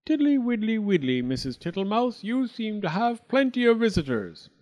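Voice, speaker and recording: A man voicing a slow, greedy old male toad in a storybook, repeating little sing-song phrases. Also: high-pitched, very animated, a little mellow, voice pushed up. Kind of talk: storybook character voice.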